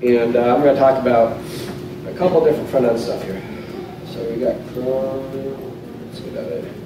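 A man in his thirties gives a casual technical talk with a live demo in a hotel conference room, standing before a projector screen. His mid-range voice moves at a moderate pace, loose and conversational, and he often restarts sentences. Picked up by a lectern mic and recorded from a camera at the back, the audio is clear but sounds far off in a very echoey room.

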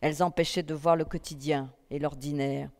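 A woman reading a literary text aloud at a festival, in a calm, measured first-person narration. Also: deep voice. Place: festival stage in a hall. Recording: long reverb of a hall.

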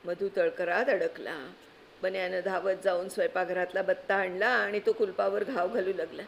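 Woman, story reader, expressive, vivid, gravelly voice. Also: on the low side, normal speed, a little hiss or hum. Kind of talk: dramatic story reading.

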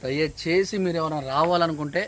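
A man with a Telangana accent bantering and teasing loudly outdoors with friends. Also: on the high side, steady tone, fairly quick. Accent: Telangana Telugu. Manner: joking, loud teasing. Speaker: friend of the vlogger. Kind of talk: casual banter.

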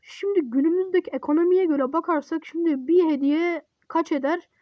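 A woman's voice: extremely high pitch, brisk, no echo, muffled recording. A woman giving casual gaming commentary, blunt and teasing, swearing freely and scolding the game's child. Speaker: game streamer.

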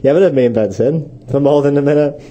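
A young man co-hosting a student radio show, giggly and excitable, cracking jokes with his friends. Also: fairly high pitch, fast, highs cut off. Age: young adult. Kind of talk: casual banter on student radio.

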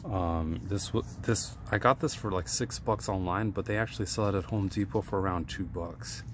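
With a low voice and some background noise, a DIY vlogger holds his phone camera for a first-person look at a plumbing job under a cramped indoor sink. He explains at an unhurried pace, casually and hands-on, saying um and uh a lot.

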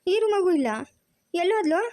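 A frantic, scolding grandmother in a cartoon family drama, acted by a woman with a rural Chikkaballapur Kannada accent. She talks high and fast in a dark, mellow tone, close and dry on the mic. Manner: scolding, wailing. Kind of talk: cartoon voice acting.

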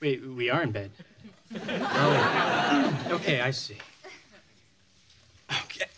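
Deadpan sarcastic teen kid, voice jumps all over, noisy tv sound. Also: male voice, mid-range voice, slow. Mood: wry. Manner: deadpan, wisecracking. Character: sarcastic awkward teenage son. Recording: noisy sitcom TV audio.

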